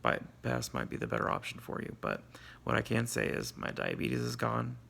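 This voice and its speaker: A man's voice: fairly low pitch, huge pitch swings, normal speed, creaky, fairly bright tone. A man, groggy and sore after surgery, talking in a casual, candid video diary with salty, self-deprecating asides. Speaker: vlogger.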